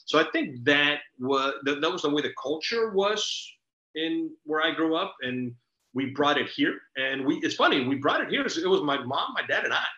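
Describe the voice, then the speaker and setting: A man's voice: fairly high pitch, lively intonation, moderate pace, pushed and bright. Middle-aged man, from El Salvador, podcast host, earnest storyteller, echoey dull recording. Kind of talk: casual conversation.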